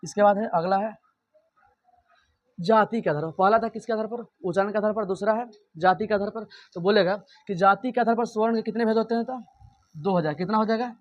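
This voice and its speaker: A man's voice: high-pitched, a little fast. A young man teaching a grammar lesson, asking the class questions and answering them himself, repeating each point.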